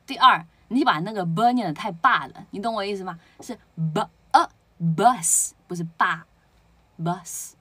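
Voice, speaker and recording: A woman's voice: mid-range voice, quick pace, hardly any pauses, bright, forceful tone, husky, no room sound. A woman teaching a pronunciation lesson, explaining step by step, asking rhetorical questions and drilling words aloud. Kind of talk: spoken lesson.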